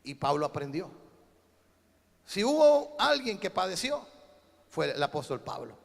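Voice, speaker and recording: Male pastor, high gravelly voice, preaching with call-and-response, echoey hall. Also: big pitch swings, measured pace. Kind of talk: sermon.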